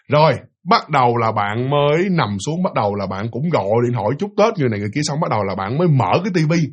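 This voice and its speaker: A man's voice: fairly high pitch, husky. A man with a Southern Vietnamese accent telling a ghost story in a casual, chatty way, speaking to the listener as "you" and imitating the sounds he describes.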